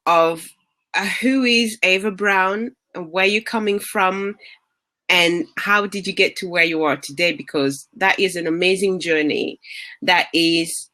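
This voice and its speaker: A woman with a French accent hosting an online interview series, effusive and deliberate, laughing often. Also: fairly low pitch, pushed and bright. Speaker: interview host.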